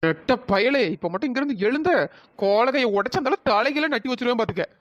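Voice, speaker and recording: Woman voicing a bossy, sharp-tongued young wife. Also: fairly high pitch, expressive, a little fast, lo-fi sound, close to an everyday voice. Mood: bossy mocking. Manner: bossy, mocking, threatening. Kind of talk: cartoon voice acting.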